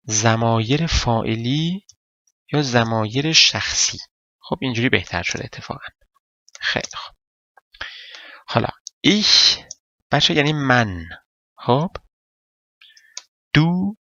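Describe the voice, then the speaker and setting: A man's voice: mid-range voice, gravelly, pushed and bright, no echo. A man whose first language is Persian teaches a casual spoken lesson. He explains step by step, quizzes his viewers and thinks aloud while he writes. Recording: dry, slightly dull recording.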